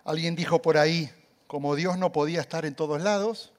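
Animated male preacher, fairly high voice. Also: brisk. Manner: animated storytelling, acting out quotes with sudden loud cries and soft asides. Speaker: pastor. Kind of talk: sermon.

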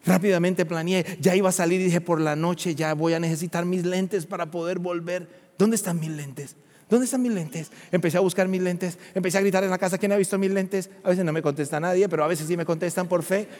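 A man preaching a sermon as pastor, swinging from hushed asides to shouted exhortation. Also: sits high, little pitch movement, brisk, few pauses, in a large hall.

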